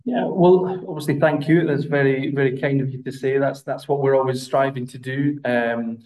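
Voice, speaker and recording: Scottish man, flat hesitant delivery. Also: mid-range voice, normal speed, low-quality recording. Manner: hesitant, many fillers and restarts. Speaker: brand representative guest. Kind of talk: podcast interview.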